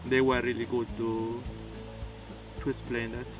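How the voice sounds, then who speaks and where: Loud music and a far-off microphone surround this interview with a young adult volunteer from Peru. His voice is flat and medium-pitched, his pace measured, and he answers hesitantly in broken phrases.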